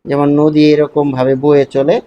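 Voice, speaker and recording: A man's voice: on the high side, little pitch movement, normal speed. A man teaching a literature lesson in Bangladeshi Bengali, explaining step by step and asking rhetorical questions. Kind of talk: classroom lecture. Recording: dull lo-fi sound with faint hiss.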